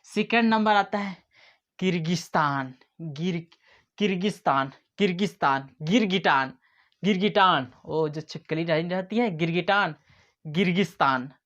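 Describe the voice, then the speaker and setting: A man's voice: high voice, measured pace, fairly bright tone. A man teaching memory tricks in a playful way, acting out little scenes as he explains. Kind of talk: mnemonic lesson to camera. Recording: dull lo-fi sound.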